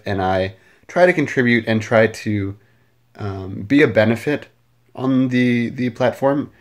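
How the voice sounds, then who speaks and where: Rambling young man vlogging late at night. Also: lowish voice. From Canada. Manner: rambling, many fillers, self-deprecating. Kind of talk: casual late-night vlog. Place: home at night. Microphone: camera mic.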